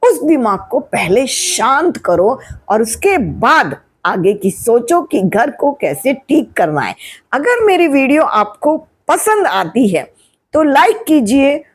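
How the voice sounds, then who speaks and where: Woman, 60s, retired schoolteacher type, high and breathy, patient explainer. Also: very animated, slow. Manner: patient, teacherly, asks and answers her own questions. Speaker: retired teacher giving advice. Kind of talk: explanatory family advice talk.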